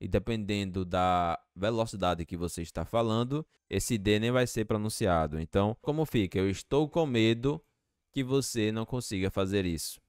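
A man teaching English to Portuguese speakers, slowly repeating each phrase with patience. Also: fairly low pitch, clear, resonant tone, dry recording, clean studio sound.

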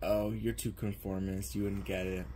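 Squishy, a puppeteer doing a deep, gloomy emo doll. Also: flat delivery, normal speed, a crowd in the background, natural voice. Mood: deadpan. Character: gloomy emo boy doll, deadpan, brooding. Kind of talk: puppet comedy sketch.

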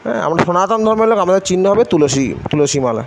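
High-voiced Bengali man teaching devotional rules. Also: animated, vocal fry. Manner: unhurried, asks and answers his own questions, chants mantras. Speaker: religious teacher. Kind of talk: devotional instruction video. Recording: faint background noise.

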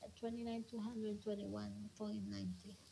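A woman student working through accounting entries, speaking hesitantly with halting phrasing. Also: mid-range voice, little pitch movement, creaky, dark tone, low-quality recording. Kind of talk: casual one-on-one tutoring.

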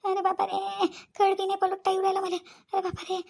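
A woman's voice: extremely high pitch, little pitch movement, a bit bright. A woman voicing a bruised village auntie in a cartoon who groans, whines and vows revenge. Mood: groaning. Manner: slow, groaning complaints. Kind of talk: cartoon voice acting.

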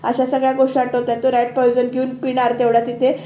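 A woman's voice: high voice, completely flat delivery, fast, mellow, reverberant, slight background noise. A woman reviewer giving a casual recap of a TV serial episode as a voice-over, talking straight to her viewers in a chatty way. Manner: chatty retelling that addresses viewers directly.

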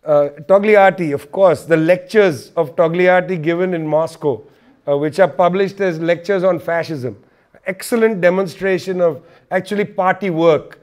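A man with a notably high speaking voice talks as a guest in a political discussion. He is emphatic and hammers points home through repetition. He slips in wry, sarcastic asides. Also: normal speed, darkish tone. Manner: emphatic, repeats key points. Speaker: interview guest.

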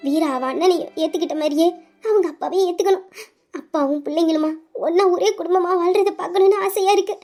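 Audio drama: performer as a weepy gentle father, very high and mellow. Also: fast, faint music behind. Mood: tearful joy. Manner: speaks through tears and laughter. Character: aging father, gentle, emotional. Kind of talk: amateur Tamil audio drama.

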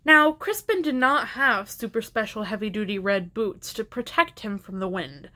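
A woman reading a children's picture book aloud in a gentle, expressive way. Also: mid-range voice, moderate pace. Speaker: storybook reader.

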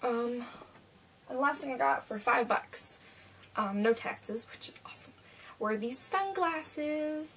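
A young Canadian woman films a haul video in her small bedroom, chatting casually and rambling with plenty of fillers. Her voice is high, a bit bright, and a little slow. The webcam mic sits at desk distance, picking her up from afar with faint hiss.

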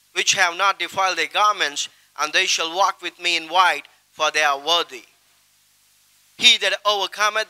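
A man's voice: high-pitched, pushed and bright, clean tone, rough recording. A middle-aged man, an evangelist, seated on a stage reciting a long Bible passage from memory into a handheld microphone in a solemn, declamatory way with emphatic rises.

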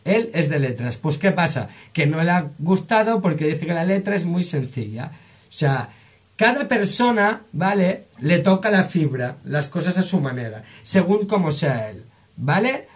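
A man's voice: a little high, big pitch swings, normal speed, husky. A man with a Spain Spanish accent, explaining ideas in a chatty vlog and often asking rhetorical questions. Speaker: music and psychology video creator.

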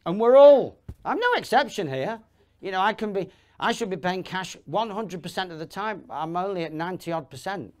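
A man giving a live seminar talk, emphatic and rambling, with restarts and asides, swinging between loud bursts and low asides. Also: animated, fairly quick. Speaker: seminar speaker. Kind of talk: live motivational talk to an audience.

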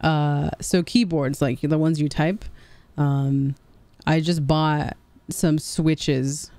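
A woman's voice: deep voice, fairly even intonation, takes it slowly, mellow, dry recording. A woman streaming a video game, chatting casually and joking with her viewers. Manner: chatty, joking, often laughing. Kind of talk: casual gameplay commentary.

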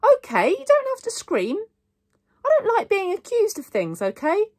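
A woman's voice: low-pitched, very animated, a little fast, no echo, studio quality, full character voice. A woman reading aloud, voicing a guarded, sulky ten-year-old boy who talks accusingly.

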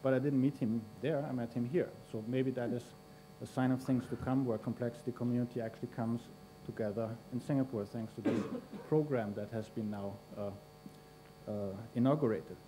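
An Austrian man acts as conference host, introducing a speaker at a lectern in a large university lecture hall, using lots of fillers. His mid-range voice moves briskly with fairly even intonation, picked up by the lectern microphone over background noise.

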